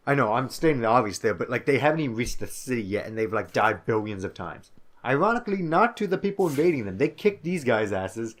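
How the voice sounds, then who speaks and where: A man's voice: medium pitch, very animated, fast talker. Young male co-host, casual rambling gamer chat. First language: English. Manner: rambling, many "like" fillers, playful impressions. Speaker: co-host of a gaming let's play.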